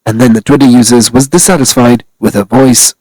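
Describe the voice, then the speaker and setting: A man's voice: mid-range voice, steady tone, fairly quick, a little mellow, no room sound, low-quality recording. A man narrating a scripted celebrity news commentary, reading steadily from articles.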